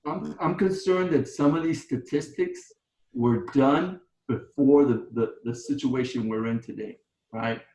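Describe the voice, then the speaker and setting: A man's voice: medium pitch, unhurried, darkish tone. Earnest man co-hosting a webinar. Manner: earnest, with restarts and you-knows. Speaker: co-host and instructor. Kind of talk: live webinar discussion. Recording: roomy echo.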